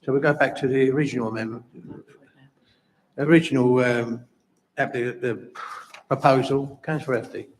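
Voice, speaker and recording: A man chairing a council meeting, calling votes in a measured, procedural way. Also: medium pitch, fairly even intonation, poor audio.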